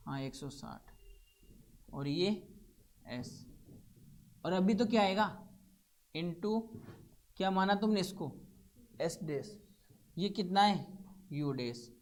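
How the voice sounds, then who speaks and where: A male physics teacher, lecturing a classroom and quizzing students step by step. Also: sits high.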